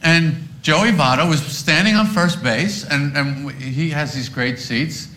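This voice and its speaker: A man's voice: a little high, unhurried, bright, forceful tone, poor audio. A man guesting on a talk-show interview, telling a story playfully and insistently. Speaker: comedian guest.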